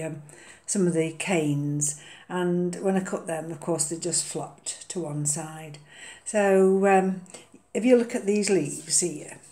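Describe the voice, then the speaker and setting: Her voice is lowish and warm, with a roomy sound, as this older woman, an orchid vlogger, chats casually about potting an orchid. She's in her home kitchen and speaks hesitantly, dropping many ums and uhs.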